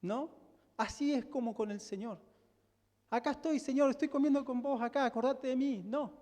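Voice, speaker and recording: A man's voice: extremely high pitch, normal speed, darkish tone. A male pastor with a Rioplatense Spanish accent preaching a sermon, emphatic and full of rhetorical questions to the congregation. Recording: long hall reverb.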